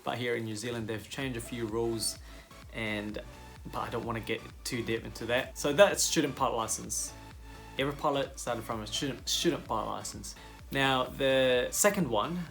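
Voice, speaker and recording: A man's voice: mid-range voice, vocal fry, a bit bright. A young man with a Filipino accent, a commercial pilot casually explaining pilot licenses to his viewers, friendly and full of fillers. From Philippines. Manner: friendly, direct address to viewers, frequent fillers.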